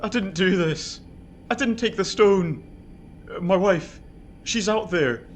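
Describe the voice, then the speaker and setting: Guy playing a jailed young husband, begging he's innocent, highish voice, bit of hiss. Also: slow pace. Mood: pleading. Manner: pleading, anguished, breaking into outbursts. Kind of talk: audio drama acting. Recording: faint background noise.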